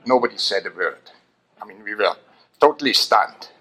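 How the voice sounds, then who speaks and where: A man from Switzerland, telling an animated anecdote at a memorial. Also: on the low side, normal speed, husky. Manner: animated anecdote with voiced quotes. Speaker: memorial speaker. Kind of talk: storytelling at a memorial.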